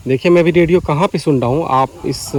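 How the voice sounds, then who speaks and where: A man with a slightly high voice speaks quickly over heavy background noise. He's vlogging outdoors in a village next to paddy fields, casually explaining things to the camera.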